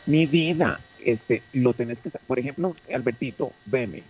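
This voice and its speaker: A man's voice: mid-range voice, normal speed, darkish tone, highs cut off, slight background noise, lightly acted. A man playing a flirty, sassy woman on a comic radio bit, teasing and affectionate as she calls everyone her love. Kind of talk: comic character on a radio show.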